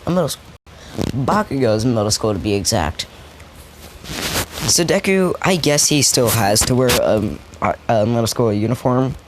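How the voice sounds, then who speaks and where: A man's voice: mid-range voice, lively intonation, moderate pace. A man casually telling an improvised fan story, rambling and often correcting himself. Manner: rambling, with many self-corrections and fillers. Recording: noisy home recording.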